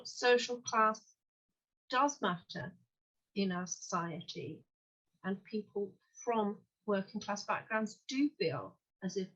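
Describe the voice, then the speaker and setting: A woman speaking on an online panel in an earnest, measured and emphatic way, over dull call audio. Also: lowish voice, fairly bright tone. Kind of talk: informal panel talk.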